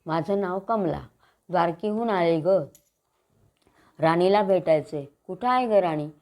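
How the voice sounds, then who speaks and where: A woman's voice: fairly low pitch, unhurried, darkish tone. A woman voicing a poor old woman in a storybook tale, speaking bitterly and scolding. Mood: pleading.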